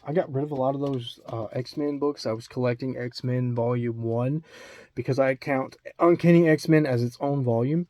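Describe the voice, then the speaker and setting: A man's voice: mid-range voice, steady tone, normal speed, mellow, no echo. Alabama guy rambling on about his stuff, lots of uhs and restarts, dry close mic. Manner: rambling, many ums and restarts. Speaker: comic book collector showing his collection. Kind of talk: casual video chat.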